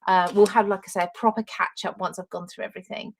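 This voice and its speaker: A woman's voice: medium pitch, steady tone, fast, rough recording. A woman with an Essex accent, chatting enthusiastically as she presents her own papercraft collection on a live stream and greets viewers by name. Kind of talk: live-stream product demonstration.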